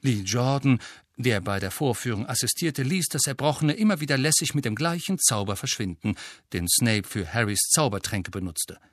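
Brief: male audiobook narrator, mid pitch, even delivery, dry booth sound. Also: dry recording. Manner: even, measured reading. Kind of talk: scripted narration.

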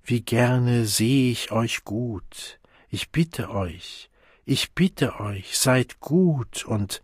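A man voicing a synthetic loudspeaker voice that pleads softly and pathetically for peace. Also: medium pitch, slightly rough, no room sound, clean studio sound. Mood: tenderly pleading. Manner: soft, pathetic, slow and pleading.

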